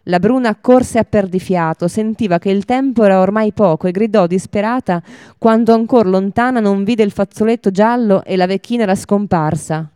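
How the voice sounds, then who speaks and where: A woman reading a fairy tale aloud on a radio broadcast, in a steady, measured storybook manner. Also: medium pitch, clean tone, no room sound, studio quality.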